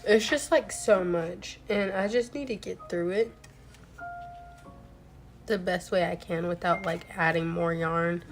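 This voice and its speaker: Faint music plays behind a young woman who crochets on stream at home and talks in a loose, rambling way packed with "like." A recent cold has left her fairly low voice a little off, and she speaks a little slowly.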